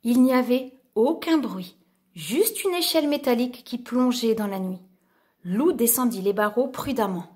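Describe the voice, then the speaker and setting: Woman storyteller, fairly high voice, gentle, expressive, speaking to little kids. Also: moderate pace. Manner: gentle, expressive, addresses young children. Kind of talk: children's storybook narration.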